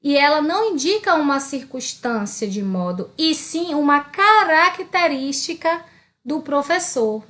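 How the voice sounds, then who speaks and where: A woman's voice: high voice, lively intonation, measured pace, a bit bright. A woman with a Brazilian Portuguese accent teaching an online grammar lesson. She asks questions and answers them herself, often checking in with her students. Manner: keeps checking in with "beleza?" and "tá?".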